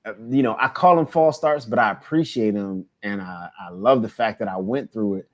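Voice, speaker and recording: A man's voice: on the low side, moderate pace. A man in his thirties hosts a casual podcast chat. He talks in a loose, rambling way, full of fillers and restarts. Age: 30s. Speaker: podcast host.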